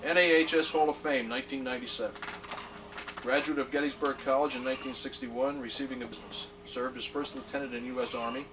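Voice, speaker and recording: At a hall of fame induction in a ceremony hall, a middle-aged presenter reads a plaque aloud in a genial speech, slipping in joking asides. His pitch is average. The distant mic catches plenty of noise from the room.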